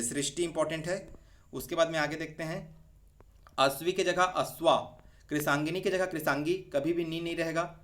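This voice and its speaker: A man from India teaching an exam-prep spelling lesson, drilling words one by one in a brisk manner. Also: a little high, fairly bright tone.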